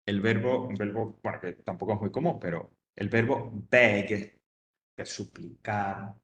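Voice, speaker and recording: A man's voice: fairly low pitch, unhurried, a bit bright, echoey room. A man teaching English grammar to an adult class, patiently repeating each point step by step. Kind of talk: classroom explanation.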